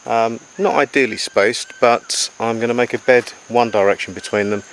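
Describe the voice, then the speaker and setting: A man's voice: medium pitch, moderate pace, poor audio. A man recording a casual survival diary outdoors in the jungle, explaining things to camera in an unscripted, methodical, matter-of-fact way. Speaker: survival diarist presenting to camera. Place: outdoors in jungle beside a river. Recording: faint insect noise, outdoor jungle ambience. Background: jungle ambience with crickets and insects.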